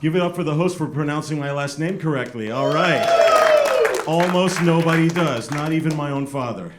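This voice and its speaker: On a comedy club stage before a laughing audience, a middle-aged stand-up comedian talks to the crowd in a dry, self-deprecating, chatty way. His voice is a little high at a moderate pace, with heavy background noise and roomy club sound.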